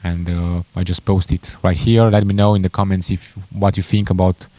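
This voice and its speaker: An entrepreneur vlogger, a man with a low voice and a Romanian accent, tells a casual personal story to the camera. He speaks haltingly, with lots of fillers and self-corrections, in a level, mellow tone, and the recording has no echo.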